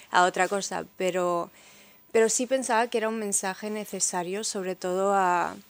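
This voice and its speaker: A young woman with a mixed Spanish and Peruvian accent, chatting casually and telling her story in Spanglish. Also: medium pitch. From born in New York, Peruvian and Spanish parents. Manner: Spanglish, dropping English words into Spanish. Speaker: interview guest, model and sustainable fashion advocate.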